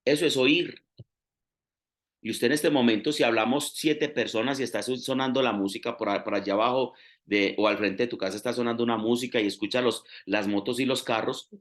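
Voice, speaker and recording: A man's voice: mid-range voice, fairly even intonation, brisk. Man preaching a teacherly sermon. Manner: teacherly, explains step by step, rising emphasis on key phrases.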